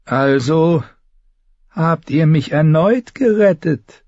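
Man voicing a sharp, ominous sorceress. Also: on the high side, animated, takes it slowly, no echo, voice pushed up. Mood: cool, knowing. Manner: cool, knowing, ominous. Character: sharp, proud older female healer-sorceress. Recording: slightly dull recording.

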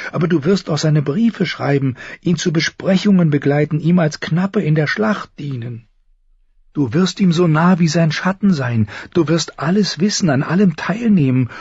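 A man's voice: fairly high pitch, a little mellow, slightly rough, no room sound, pitched above the performer's own voice. A man voicing an earnest, anxious young man who eagerly explains and pleads in an audiobook. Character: earnest, anxious plump young male friend. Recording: slightly dull recording.

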